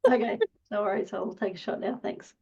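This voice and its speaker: Mellow woman hosting, dull call audio. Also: mid-range voice, a little fast, gravelly, slightly rough. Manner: friendly, reads out questions. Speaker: webinar host. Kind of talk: moderating a webinar.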